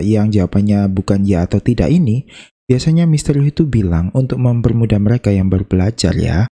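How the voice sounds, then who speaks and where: Casual teacher with a very dark, mellow voice. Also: male voice, lowish voice. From Indonesia. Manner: chatty, playful, slows down to demonstrate intonation. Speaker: English teacher. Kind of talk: casual spoken lesson.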